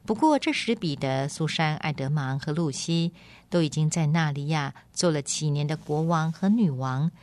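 A woman radio host reading a storybook aloud in a calm, expressive storytelling manner. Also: deep voice, moderate pace, no echo.

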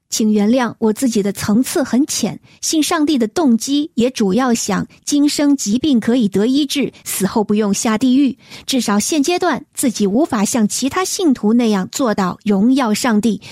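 Woman, faith radio co-host, gentle measured reading, warm mellow tone, dry studio sound. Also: fairly high pitch, no echo. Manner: gentle, measured, reads letters aloud. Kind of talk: reading listener letters on a faith program.

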